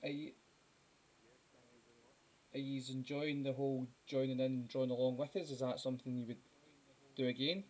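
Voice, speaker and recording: Male stream host, middle pitch, laid-back, chatty sign-off. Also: moderate pace, long pauses. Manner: relaxed, rambling, thanking viewers. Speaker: host of a live drawing stream. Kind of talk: casual chat.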